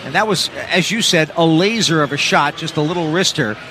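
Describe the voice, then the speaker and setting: A North American man calling live ice hockey play-by-play for radio in an energetic, descriptive running style. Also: fairly high pitch, a little fast, noisy background. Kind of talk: live sports play-by-play commentary.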